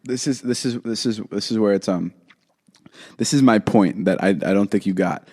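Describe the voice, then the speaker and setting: A young man co-hosting a podcast, trading quick, joking banter and laughing often. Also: lowish voice, darkish tone, slightly rough. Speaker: podcast co-host.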